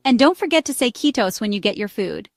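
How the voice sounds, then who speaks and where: A woman giving a scripted travel phrase lesson in an upbeat tone, repeating words slowly so listeners can practice. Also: a little high, lively intonation, no echo. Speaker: language tutor. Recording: dry close mic with faint music.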